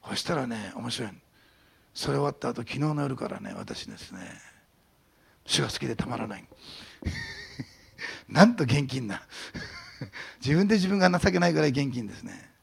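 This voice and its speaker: A man preaching a sermon in a rough, raspy voice full of gravel. He talks quickly with a lively, swooping pitch, slipping into the voices of the people in his stories. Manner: animated storytelling, acting out quotes. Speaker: pastor.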